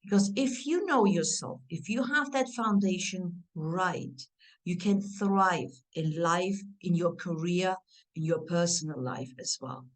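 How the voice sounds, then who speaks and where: A woman's voice: lowish voice, lively intonation, measured pace, low-quality recording. A middle-aged woman from Turkey who grew up in Germany, giving an encouraging online coaching workshop over a video call. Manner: warm, encouraging, interactive with audience. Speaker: career and family coach.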